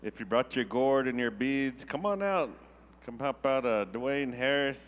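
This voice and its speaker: A man's voice: mid-range voice, expressive, unhurried. A man working as a powwow emcee, making announcements in a folksy, joking, informal way.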